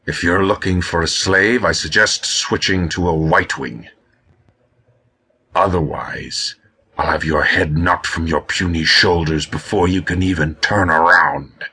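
Storybook harpy male, proud and hostile, rugged hiss, voiced by a man. Low, slow and husky. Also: bright, forceful tone, exaggerated voice. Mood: menacing. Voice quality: rugged hissing voice. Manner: menacing, suspicious, contemptuous. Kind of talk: audiobook character reading.

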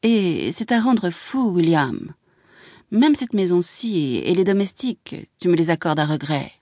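A woman voicing a lively young wife who pleads and scolds in a quick, breathless way, in an audiobook. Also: on the low side, no room sound, studio quality. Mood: exasperated. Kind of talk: audiobook character voice.

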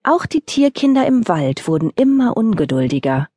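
A woman narrating a children's audiobook in a gentle, lively storytelling voice. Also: on the high side, normal speed, slightly rough.

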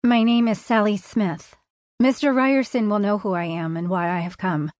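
Woman doing a young heiress in disguise, formal, guarded, middle pitch, dry close sound. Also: steady tone, moderate pace, darkish tone, no echo, close to an everyday voice. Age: young adult. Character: young heiress hiding under a false name, guarded.

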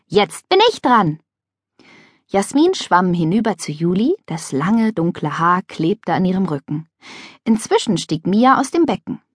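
A woman reading a children's audiobook with lively, expressive storytelling on a close studio mic. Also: on the low side, normal speed, breathy edge, no room sound. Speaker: audiobook narrator. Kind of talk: scripted children's audiobook narration.

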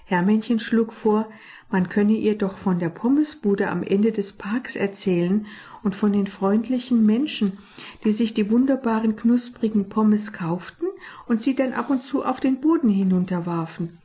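A woman narrating her own children's audiobook in a lively, expressive way. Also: mid-range voice, normal speed. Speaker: author and narrator.

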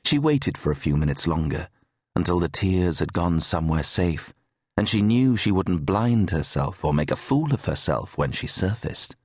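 A man reading an audiobook in measured, steady scripted narration on a close studio mic. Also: deep voice, no room sound.

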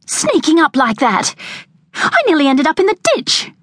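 A woman's voice: a little high, lively intonation, moderate pace, husky, no echo, studio quality, pitched above the performer's own voice. A woman voicing a fiery, spirited young farm girl who talks back sharply. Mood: furious. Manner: indignant, sharp-tongued.

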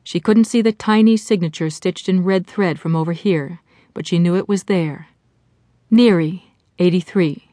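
A woman reading an unabridged novel aloud in measured, even storytelling narration. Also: fairly low pitch, dry recording. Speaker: audiobook narrator. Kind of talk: scripted audiobook narration. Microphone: studio microphone.

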